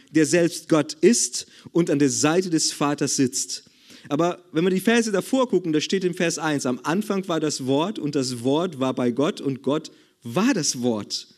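A man's voice: fairly high pitch, a little mellow. A man preaching a sermon in a church service, emphatic and repetitive, calling for amens.

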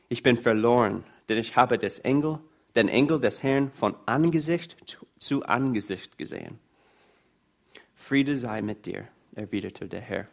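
A man's voice: mid-range voice, gravelly. A man preaching a sermon, reading Bible passages aloud in an earnest way.

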